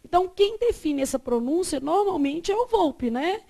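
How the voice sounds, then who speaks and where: A Brazilian woman teaching a Portuguese class, quizzing her students and drawing words out slowly to show how they are said. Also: very high voice, gravelly. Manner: lively, asks the class questions and answers them herself; stretches words out slowly to model pronunciation. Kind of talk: classroom lecture.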